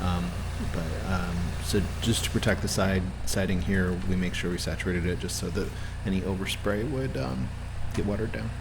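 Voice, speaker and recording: A man's voice: sits low, fairly even intonation, normal speed, few pauses. A man giving a casual, hesitant explanation as a roof cleaning contractor narrating his work. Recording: clearly noisy background hum.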